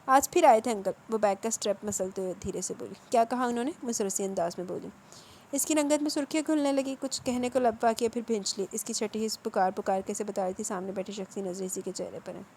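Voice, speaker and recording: A woman reading a romance novel aloud as narrator, in steady scripted narration. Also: mid-range voice, a little hiss or hum.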